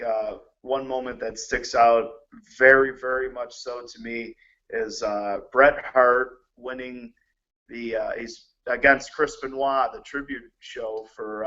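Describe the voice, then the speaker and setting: A man's voice: mid-range voice, fairly even intonation, measured pace, pushed and bright, dull audio. A man co-hosting a casual wrestling talk show, recounting stories with plenty of hesitant fillers. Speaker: co-host.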